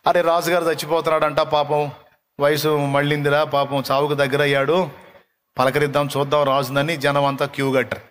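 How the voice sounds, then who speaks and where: A man preaching, telling a story with animated, emphatic delivery. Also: fairly high pitch, brisk. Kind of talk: sermon storytelling.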